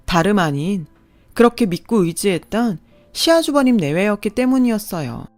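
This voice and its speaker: Narrator: a woman telling a story calmly, dry close mic, faint music underneath. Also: medium pitch, no room sound. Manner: calm first-person storytelling. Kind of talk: scripted radio-drama narration.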